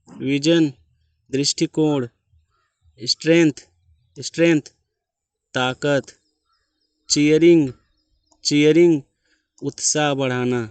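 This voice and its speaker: Slow, clear-voiced man drilling words. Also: mid-range voice, no echo. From India. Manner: slow, careful, stresses each word clearly. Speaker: English vocabulary teacher. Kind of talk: slow vocabulary drill, each word said twice, then its meaning.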